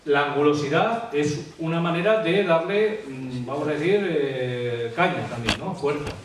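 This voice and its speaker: A man's voice: on the high side, a little slow, recorded from a distance. A man from Asturias, a graphologist, explaining handwriting traits in an interview, full of hesitations and tag questions. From Asturias, Spain. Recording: echoey room, off-mic, faint hiss.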